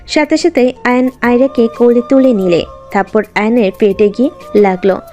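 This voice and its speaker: A woman narrating a romantic audio drama story in a steady storytelling voice. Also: on the high side, normal speed, faint music behind.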